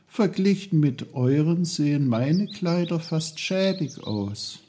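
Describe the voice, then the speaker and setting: A man's voice: on the high side, animated, takes it slowly, warm tone, pitched above the performer's own voice. A man voicing Peter, a curious young boy who asks eager questions. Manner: eager, wondering.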